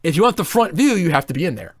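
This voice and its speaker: A man's voice: fairly high pitch, very animated, rapid-fire. Blunt, opinionated man reviewing theme parks. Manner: blunt, opinionated, swears freely. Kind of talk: casual podcast chat.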